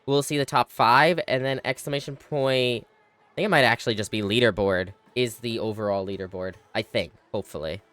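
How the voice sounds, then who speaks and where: With faint music behind and no echo, a man offers casual live commentary on a strategy game, talking with viewers, thinking aloud and often exclaiming, while yawning and sounding slightly tired. His medium-pitched voice is smooth, fairly bright and fairly quick.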